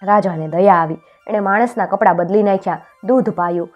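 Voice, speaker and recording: A woman narrating a traditional folk tale in a steady storytelling manner, lifting her voice for the characters' speech. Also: mid-range voice, brisk, soft background music. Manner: steady, clear storytelling with lifted voice for quoted speech.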